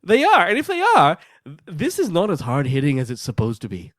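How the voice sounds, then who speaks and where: A man's voice: fairly high pitch, a little fast, dry recording. Guy with a stuffy nasal voice ranting about a movie, swears a lot, voice swoops up and down, dry close mic. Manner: profane, laughs a lot, animated. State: nasal from a cold. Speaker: podcast co-host. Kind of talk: casual film review chat.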